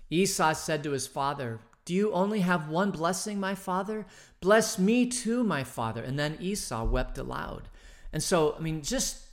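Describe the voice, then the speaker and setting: A man leading an informal Bible study, talking it through conversationally with fillers and restarts, and acting out the characters' lines as he retells the story. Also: mid-range voice. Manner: conversational, thinking aloud with many fillers and restarts; acts out the characters' lines in quoted voices. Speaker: Bible teacher.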